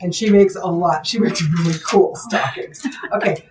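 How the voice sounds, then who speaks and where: A woman's voice: on the low side, moderate pace, recorded from a distance. Giggly Midwestern American woman, echoey and off-mic. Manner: giggly, storytelling, trails off mid-sentence. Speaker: co-host of a live quilt shop show. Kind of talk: casual live-stream chat. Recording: echoey room, voice off-mic, faint hum.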